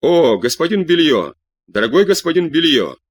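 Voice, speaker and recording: A man voicing an eager, excitable young man who tells his news breathlessly and humbly. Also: fairly high pitch, normal speed, slightly rough, dry recording, studio quality. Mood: excited.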